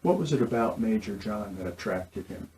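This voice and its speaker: A man hosting an interview, asking questions in a halting way with frequent pauses. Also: on the low side, animated, warm tone, poor audio. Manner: halting, many "uh" fillers. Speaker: interviewer, host.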